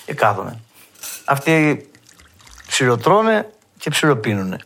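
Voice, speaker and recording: A man's voice: mid-range voice, gravelly. Cretan man telling mandolin stories. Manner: lively storyteller who acts out past dialogue. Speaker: mandolin player. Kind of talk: reminiscing storytelling.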